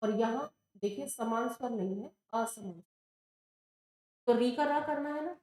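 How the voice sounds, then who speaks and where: In an echoey room, a woman gives an exam-prep Sanskrit grammar lesson at a board, speaking patiently and answering her own questions to the class. Her pitch is fairly high, her tone darkish, and her delivery a little slow.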